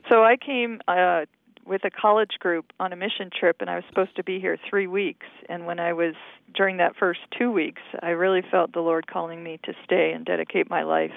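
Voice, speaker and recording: A woman in her fifties from Hawaii, giving an earnest, steady account of her community's service work. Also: lowish voice, normal speed, gravelly, dry recording. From Hawaii, USA. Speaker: lay community member in mission work. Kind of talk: interview, testimony. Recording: narrow phone-like sound.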